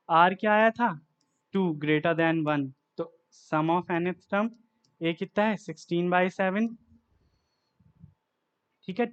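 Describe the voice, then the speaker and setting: A man's voice: sits high, clear, resonant tone, muffled recording. A man teaching a maths lesson, working through sums aloud step by step and asking himself each next step.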